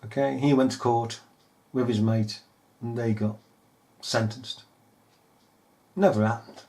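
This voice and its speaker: A man's voice: mid-range voice, steady tone, unhurried, warm tone. A man giving a casual, sarcastic commentary over news footage, mocking and often laughing. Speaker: video commentator.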